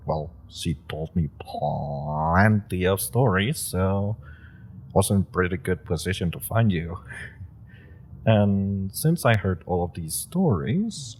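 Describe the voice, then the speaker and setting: A man with a low, exaggerated voice acts out an eager, awkward young rookie with superpowers in an audio roleplay. He rambles, laughing nervously and packing his speech with fillers.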